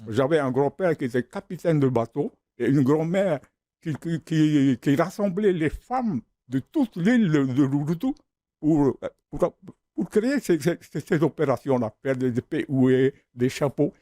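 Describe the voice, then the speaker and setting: A man's voice: a little high, expressive, normal speed, dark tone, dry recording. An older man from the Austral Islands, a guest in a TV studio, telling stories and repeating words as he searches for them. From Austral Islands, French Polynesia. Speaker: founder of the crafts service, guest. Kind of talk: reminiscing studio talk.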